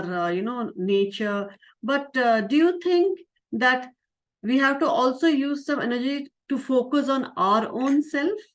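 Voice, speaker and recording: A woman, a spiritual teacher telling a moral story to children, gentle and questioning with many fillers. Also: fairly high pitch.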